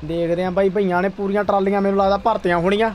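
A young man casually commentating a game with a friend, excitable, repeating short exclamations. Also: high-pitched, very fast, faint music behind. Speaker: gaming streamer. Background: tractor game sounds.

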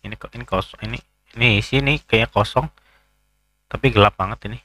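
A man's voice: fairly low pitch, fast talker, pushed and bright, no echo. A man casually commentating his way through a horror game, chatting to viewers, joking and getting startled. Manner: chatty, keeps addressing viewers, jokey and easily startled. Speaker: gaming YouTuber. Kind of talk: casual let's-play commentary.

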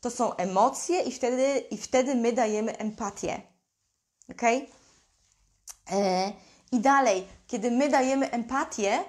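Woman, high voice, unhurried, blunt parenting coach, emphatic, slangy. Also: darkish tone. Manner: acts out parents' lines in quick mimicking voices. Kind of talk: direct-to-camera advice talk.

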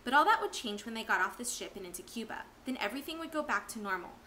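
Bright-voiced teacher reading aloud. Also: female voice, on the high side, fast talker, a little hiss or hum. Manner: expressive storytelling. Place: home.

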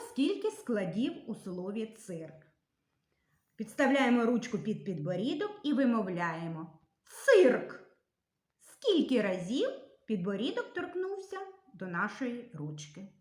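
A woman teaching a reading and writing lesson to young children, speaking slowly and clearly with encouragement. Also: a little high, roomy sound. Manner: slow, clearly articulated, encouraging.

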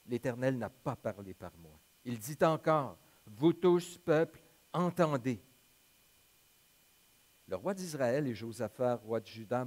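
A male pastor with a Quebec French accent delivers a sermon. He reads scripture aloud at a measured pace, then speaks plainly and conversationally, pausing now and then to search for words. His voice sits at an ordinary middle pitch. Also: a little mellow. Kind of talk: sermon with Bible reading.

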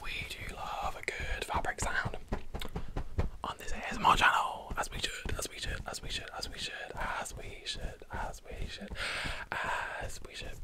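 A young man whispering fast, chaotic, aggressive ASMR close to the microphone, firing off short phrases over and over. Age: young adult. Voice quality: whispered, mostly unvoiced. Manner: rapid-fire repetition of short phrases. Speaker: ASMR video creator. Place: small bedroom, indoors. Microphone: desk microphone close to the mouth.

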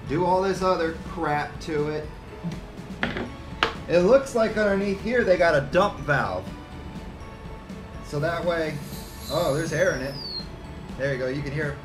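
A fairly high-voiced man in his thirties talks through a tool unboxing in a cluttered garage workshop. He rambles in a plain, easygoing way and pokes fun at himself, picked up on the camera's own mic with faint music behind. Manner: plain-spoken, rambling, a bit self-deprecating. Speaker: channel host reviewing tools. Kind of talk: casual unboxing chat.

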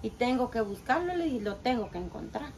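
A woman's voice: fairly high pitch, fairly quick, a little hiss or hum, poor audio. A mother who runs a small business, telling a story with lots of quoted dialogue. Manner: animated retelling with quoted dialogue. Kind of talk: storytelling interview.

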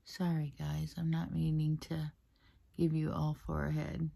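A woman vlogger chatting casually through her makeup routine in a soft, half-whispered, rambling way, recorded at her mother's place on the camera's own mic without a separate microphone. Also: low voice, monotone, measured pace, gravelly, breathy edge. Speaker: beauty vlogger. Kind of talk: casual get-ready-with-me makeup chat. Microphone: built-in camera mic, no separate mic.

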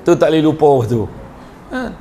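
Speaking at normal speed to parents and teachers, a middle-aged Negeri Sembilan Malay-accented man delivers a funny religious talk live at a school event. Lively jokes and anecdotes give way to a low, earnest voice when the moral arrives, over slight background noise.

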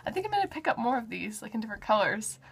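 A young woman in her twenties talks to her vlog audience in a bright, slightly high voice. Her chat is casual and upbeat, dotted with fillers like "um" and "like". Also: sing-song, very fast, creaky, husky. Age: 20s. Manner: chatty, upbeat, lots of "like" and "um". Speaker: vlogger.

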